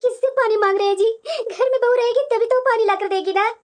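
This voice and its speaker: A woman voicing a worried older mother in a cartoon story, coaxing and anxious, in a very high voice. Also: fairly even intonation, fast, darkish tone. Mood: grieving. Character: worried older mother-in-law, soothing and fretful.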